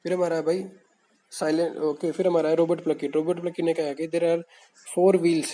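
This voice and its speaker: Male teacher, mellow slightly high voice, loose rambling revision delivery. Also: flat delivery, moderate pace, low-quality recording. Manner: casual, rambling, repeats key terms. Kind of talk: exam revision lecture.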